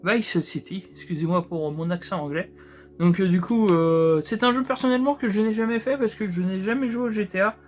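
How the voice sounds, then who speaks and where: A man with a high voice talks casually as he works on a build, filling his sentences with hesitations and false starts. Faint music plays under him. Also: brisk. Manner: rambling, many hesitations and restarts. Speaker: host. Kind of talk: casual chat while building a model.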